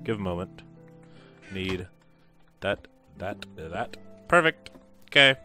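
A young man hosting casual gameplay commentary, joking and laughing often, with excitable bursts. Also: sits low, slow, music in the background. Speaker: gaming channel host.

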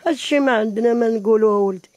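An older woman with a Moroccan Arabic accent pleads for help in a casual interview, calling on God frequently. Her slightly high, slightly mellow voice comes rapid-fire, captured on a handheld mic in an outdoor tent with no echo.

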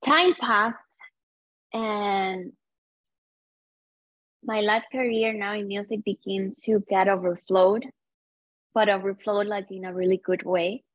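A woman, talking slowly and earnestly in an interview, often stopping and searching for words. The recording is dry and a little dull. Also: mid-range voice, fairly even intonation, no echo. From Cuba. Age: 30s. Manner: earnest, halting non-native English with many fillers. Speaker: guest. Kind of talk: personal storytelling interview.

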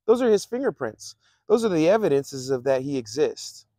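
A man's voice: on the high side, very animated, normal speed, dark tone, no room sound, studio quality. A man preaching a casual, conversational sermon, often repeating himself and chuckling between points. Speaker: pastor.

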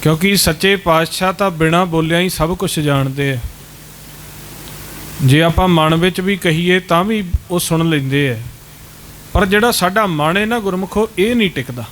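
A man preaching a religious sermon, first chanting slowly, then explaining in a steady teaching manner. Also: sits high, slight background noise. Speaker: preacher giving religious discourse. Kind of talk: sermon with chanting and quoted verse. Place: large temple hall.

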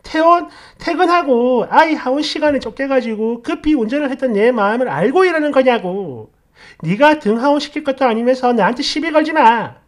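A woman's voice: animated, fairly quick. A woman voicing an irritated young mother who scolds her husband in a raised, nagging voice. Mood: scolding. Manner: shrill scolding nags.

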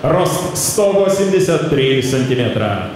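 A young man in full boxing ring announcer style, swinging his pitch widely and stretching out names with slow ceremony. His voice booms with heavy echo through a big indoor hall. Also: big pitch swings, darkish tone. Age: young adult. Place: large indoor boxing venue with audience. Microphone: handheld microphone. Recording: echoey PA in noisy boxing hall.

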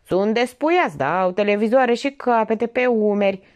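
Reading a character for an audiobook, a woman plays a middle-aged barber, smug and sure of himself, lecturing as if only he can think things through. She speaks at medium pitch with a darkish tone, her voice pushed up yet close to an everyday voice.

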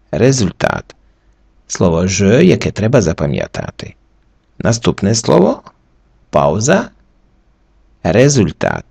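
A man's voice: fairly low pitch, creaky, darkish tone, husky, no echo. Guy teaching a lesson, goes step by step thru each letter, dry close sound, swoops up and down a lot. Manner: methodical, slowly walks through each letter rule. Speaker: French teacher. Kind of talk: recorded reading lesson.

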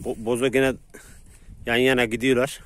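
A man casually talking to viewers while herding sheep with his dogs outdoors, laughing often and calmly calming the dogs. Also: medium pitch, normal speed. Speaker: shepherd vlogger. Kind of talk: casual outdoor vlog narration. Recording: outdoor noise, wind and animals.

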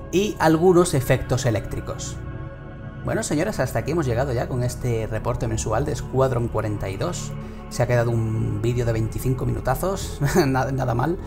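A man with a Spain Spanish accent, hosting a gaming channel and reading a monthly news report in a steady way with casual fillers. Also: medium pitch. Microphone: home studio microphone. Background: background music.

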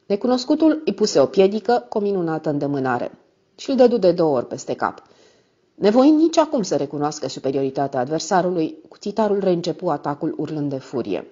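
A woman narrating an audiobook with expressive storytelling. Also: fairly low pitch. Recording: dull lo-fi sound.

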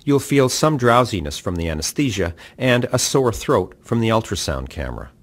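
A man giving calm, measured scripted narration for a patient orientation video. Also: on the low side. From Canada. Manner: calm, measured instructional delivery.

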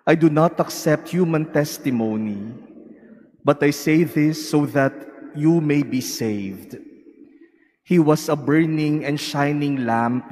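A man serving as priest, reading the Gospel aloud at Mass in a slow, measured liturgical manner, with a cathedral echo. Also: medium pitch, darkish tone. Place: large cathedral. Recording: long cathedral reverb, distant.

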